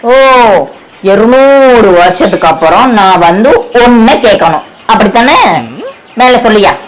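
A woman acting in a comedy skit, first gullible and then scolding, with lively delivery. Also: fairly high pitch, measured pace, poor audio. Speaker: comedy sketch actress. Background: music.

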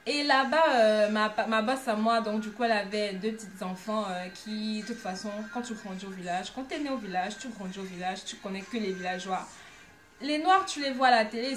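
Young woman vlogging into her camera, ironic storytelling, hesitant fillers, faint noise behind. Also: medium pitch. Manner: animated, ironic, lots of hesitations. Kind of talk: casual storytelling vlog.

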